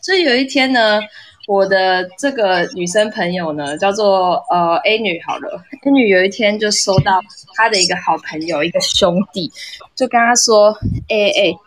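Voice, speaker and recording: A woman's voice: mid-range voice, moderate pace, slight background noise. Woman caller telling a story on a live show, casual and chatty, acts out the quotes. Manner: animated, acts out quoted lines.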